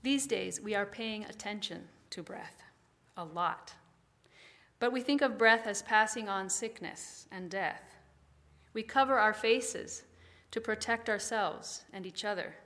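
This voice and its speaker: A woman preaching a calm, measured sermon and guiding listeners through slow breathing exercises. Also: mid-range voice. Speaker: pastor.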